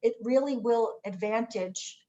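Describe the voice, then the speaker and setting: A woman's voice: fairly high pitch, measured pace, warm tone. A woman giving an informational presentation as an academic speaker, with frequent hesitations. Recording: dull lo-fi video-call audio.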